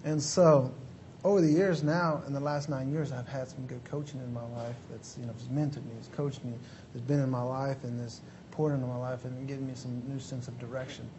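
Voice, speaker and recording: A Mexican motivational speaker in his thirties gives earnest, polite interview answers packed with "you know" fillers and courteous "yes sir"s. His medium-pitched voice is fairly even and a little fast, with dull audio and a noisy background.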